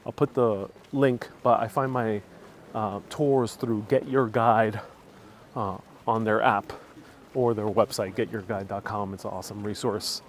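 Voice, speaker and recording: Outdoors on a castle tour, a man hosts a casual travel livestream, talking in an informal, slightly hesitant way. His voice is fairly low and even, unhurried, with faint outdoor background noise in the recording.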